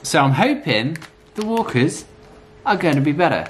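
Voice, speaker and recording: A man's voice: fairly high pitch, sing-song, moderate pace. Hesitant man, casual vlog, noisy recording. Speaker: snack reviewer. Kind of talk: casual vlog taste test. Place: small plain room indoors. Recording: clear background noise with clicks.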